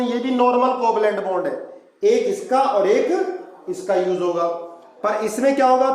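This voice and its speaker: A man teaching a chemistry class in Hindi mixed with English terms, who calls his students "beta" and repeats key terms slowly. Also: sits high, a little mellow, heavy reverb. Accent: Hindi-English mix. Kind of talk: online class lecture.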